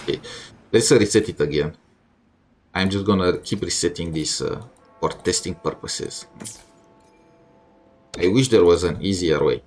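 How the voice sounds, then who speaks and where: Over game music and slight background noise, a low-voiced man streams a playthrough at a measured pace, pausing often. He grumbles mildly in casual commentary as he thinks aloud.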